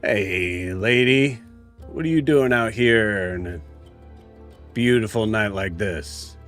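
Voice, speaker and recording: A man voicing a gruff, menacing street thug with a sly, taunting manner in a tabletop game. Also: fairly low pitch, slow pace, a bit bright. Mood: sly menace. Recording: music playing behind.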